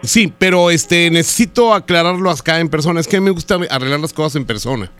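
A man's voice: fairly high pitch, a little fast, fairly bright tone, soft background music. A Mexican radio host making a prank phone call, teasing and flirty, drawing out his words.

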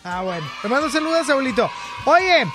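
A man's voice: very high voice, big pitch swings, fairly quick. A man with a Mexican accent hosting a casual radio call-in show, playful and teasing with callers. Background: music playing.

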